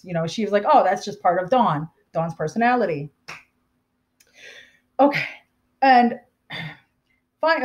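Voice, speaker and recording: A woman with a drawl tells a personal story straight to camera. Her voice sits on the higher side, and she rambles candidly, full of fillers and restarts. It sounds like a casual home video. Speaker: vlogger telling a personal story.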